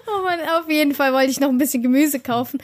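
A woman's voice: sits high, fast talker. A young woman co-hosting a podcast, chatting casually and telling a story with lots of fillers and restarts. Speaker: podcast co-host. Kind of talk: casual chat.

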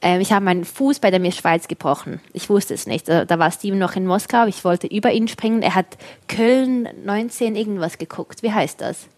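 A young woman telling a personal story in casual chat, lively and animated, quickly voicing the people in it. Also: mid-range voice. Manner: animated storytelling, voices others in quick asides. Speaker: storyteller in a conversation.

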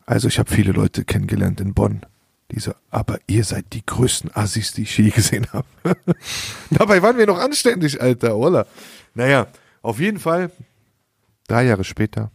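A man's voice: fairly low pitch, vocal fry, a little mellow, slightly rough, no echo, studio quality. A young man telling a story in casual slangy chat, often laughing and acting out quoted lines. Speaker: podcast host.

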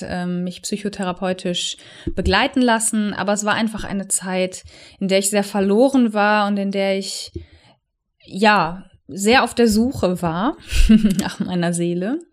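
A woman, probably in her thirties, speaking to the listener in a personal, reflective monologue as a coach, soft and earnest, slowing to stress key words. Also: medium pitch.

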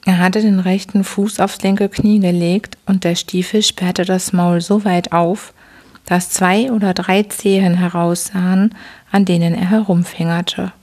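A woman hosting a sleep podcast, reading a bedtime story aloud in a soft, slow, whispery voice. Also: on the low side, little pitch movement.

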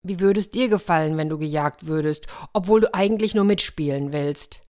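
A woman voicing a big, gentle, lonely male shark in a children's story, speaking slowly and sorrowfully. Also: deep voice, lightly acted. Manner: slow, drawn-out, sorrowful.

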